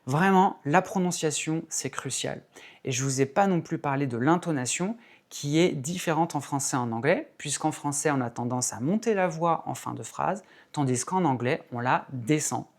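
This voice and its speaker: Stressing key words and modeling pronunciation, a man on the high side delivers a measured English lesson in an explanatory video.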